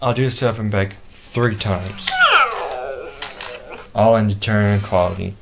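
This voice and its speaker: Man, lowish pitch, casual demo reviewer, halting, repetitive phrasing, clearly noisy home recording. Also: fairly even intonation. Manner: halting and repetitive, often restarting sentences. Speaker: toy reviewer. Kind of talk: casual product demonstration.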